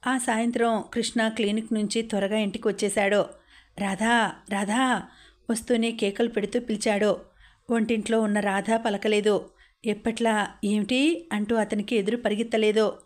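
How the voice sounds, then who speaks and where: A woman narrating an audiobook novel at a steady, measured storytelling pace. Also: mid-range voice. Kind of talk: novel read-aloud narration.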